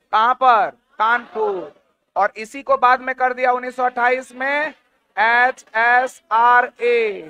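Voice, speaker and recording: A man's voice: very high-pitched, bright, forceful tone. A man teaching an exam-prep history lecture, firing off questions and repeating the answers again and again.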